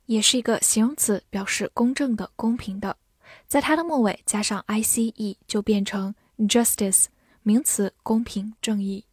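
A woman teaching English vocabulary from a script, spelling each word letter by letter and repeating it slowly. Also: on the high side, husky, no room sound, studio quality.

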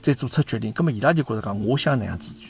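Gravelly and darkish in tone, his mid-range voice races along with lively intonation. He's a Shanghainese-accented host in his fifties, chatty in manner and forever asking his guest to agree.

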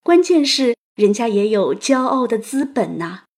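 Woman narrator, slightly high voice, unhurried, playful storytelling tone. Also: big pitch swings, darkish tone. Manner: playful, chatty asides and exclamations. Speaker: narrator and audio host.

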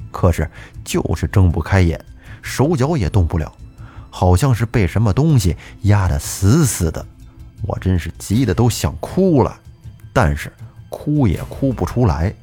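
A man hosting a storytelling podcast, narrating a listener's tale in a steady, measured way. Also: on the low side, slightly rough. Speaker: podcast host. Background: faint background music.

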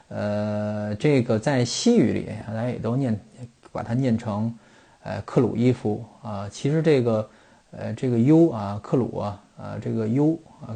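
A man's voice: mid-range voice, gravelly, mellow, slightly rough. A middle-aged man from China hosting a football podcast, explaining things in a rambling monologue full of fillers and restarts.

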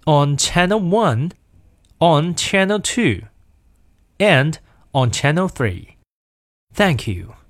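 A man reading formal in-flight cabin announcements aloud for a course, in a measured, formal manner. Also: on the high side, big pitch swings. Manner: measured, formal announcement delivery in two languages. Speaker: language course reader.

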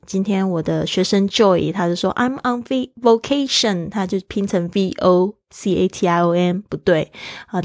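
A woman teaching English vocabulary in a bilingual lesson, slowing down to spell words out letter by letter. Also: mid-range voice, no room sound, clean studio sound.

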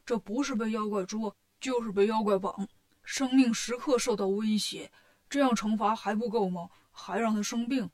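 A woman's voice: on the high side, moderate pace, darkish tone, lightly acted. A woman voicing a greedy, lazy male pig disciple who sounds sly and whiny.

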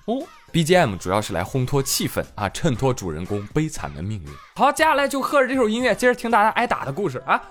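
Playful, teasing male host; lively intonation, faint music underneath. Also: a little high, fast talker, hardly any pauses. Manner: playful, teasing, laughs often. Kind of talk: casual storytelling, reading listener comments.

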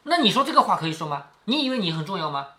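A man's voice: high voice, very animated, very fast, pushed and bright. A man reading a classic novel aloud to his daughter and explaining it, often asking "isn't it?" and lifting his voice for quoted lines. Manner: keeps asking tag questions like "isn't it?" to check understanding; reads quoted lines with a raised, acted lilt.

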